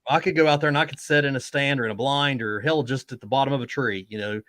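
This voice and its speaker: A man in his forties hosting a casual chat, easygoing and often pausing with fillers. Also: mid-range voice, fairly bright tone, no room sound, studio quality. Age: 40s. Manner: easygoing, many fillers and restarts. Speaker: host.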